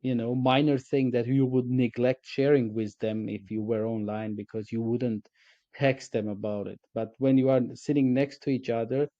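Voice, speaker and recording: A man talks in a relaxed, reflective way, pausing on fillers as he thinks. His voice is mellow and mid-pitched. The call audio is dry and a little dull. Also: no room sound. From Armenia. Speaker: guest, company CEO. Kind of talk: casual interview conversation.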